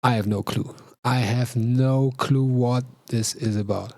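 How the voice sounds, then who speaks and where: Mellow-voiced man hosting a stream. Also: medium pitch, fairly even intonation, unhurried, no room sound. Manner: talkative, rambling with restarts. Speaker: stream host, producer. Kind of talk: casual chat on a stream.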